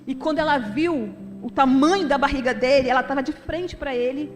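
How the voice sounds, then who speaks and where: Brief: middle-aged woman, high voice, heartfelt church testimony, long hall reverb. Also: a little fast, faint music behind. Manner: emotional, conversational, addresses the congregation as brothers. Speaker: deaconess giving a testimony. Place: church sanctuary.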